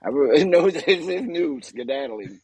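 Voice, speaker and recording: A man's voice: fairly high pitch, expressive, measured pace, crowd noise, low-quality recording. A man co-hosting a podcast in casual chat, playful and teasing with a jokey edge. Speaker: podcast co-host.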